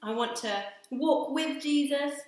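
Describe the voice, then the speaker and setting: A woman presenting a children's church session, playful and giggly, then slow and gentle as she leads a prayer. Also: high-pitched. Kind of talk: children's talk and guided prayer. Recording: very echoey room.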